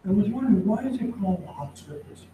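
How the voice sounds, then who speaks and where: A man's voice: high-pitched, animated, fast talker, mellow, dull audio. A man in the audience asking a curious, hesitant question. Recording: distant, echoey, faintly noisy room.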